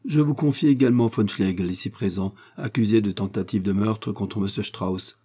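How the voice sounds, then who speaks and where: A man voicing a stern, quick-tempered male police inspector who speaks severely and commandingly. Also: on the low side, dark tone, slightly rough. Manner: severe, commanding, then explosive.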